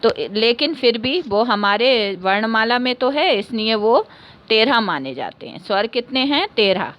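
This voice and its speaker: Woman teacher, slightly high voice, patient classroom explaining with many recaps. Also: a bit bright. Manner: patient, repeats key points, asks and answers her own questions; ends points with a checking "okay". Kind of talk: classroom lesson.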